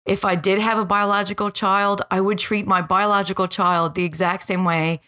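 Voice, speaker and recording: A woman in her forties speaking earnestly and deliberately in a personal, reflective podcast monologue. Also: mid-range voice, flat delivery, sharp tone. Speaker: podcast host.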